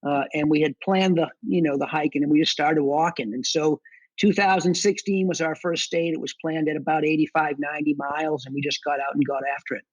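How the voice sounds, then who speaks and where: A man's voice: a little high, fairly even intonation, brisk, dry recording, low-quality recording. A middle-aged man with a Boston accent, telling his experiences conversationally as an interview guest, in a matter-of-fact way. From Boston area, United States. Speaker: interview guest, army veteran and section hiker.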